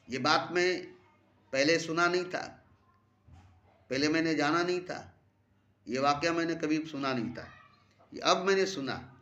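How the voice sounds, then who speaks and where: A man's voice: on the high side, a bit bright, muffled recording. A man storytelling a religious parable, with rhythmic lists of repeated verbs, in a roomy recording. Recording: roomy echo.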